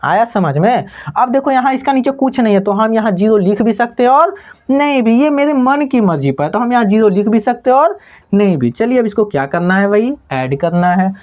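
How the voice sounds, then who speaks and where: A woman's voice: on the high side, animated, a little fast, darkish tone. A woman with a Bhojpuri-tinged Hindi accent teaching a math lesson, who keeps asking the class whether they have understood. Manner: keeps checking understanding with repeated questions. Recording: slightly dull lo-fi recording.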